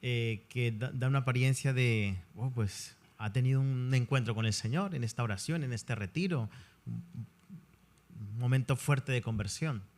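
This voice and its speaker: Measured male priest. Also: mid-range voice, a little mellow. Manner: measured, thoughtful, pauses with fillers. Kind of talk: conversational discussion.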